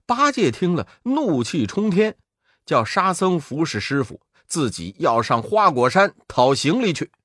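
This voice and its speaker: A man telling a children's story in an expressive, sing-song way. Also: fairly high pitch, measured pace, no room sound, studio quality.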